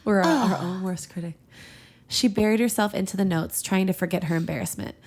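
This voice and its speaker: A woman with an expressive, mid-range, darkish voice talks at normal speed while co-hosting a podcast. She reads fan fiction aloud with casual, giggly banter, often dissolving into laughter mid-reading.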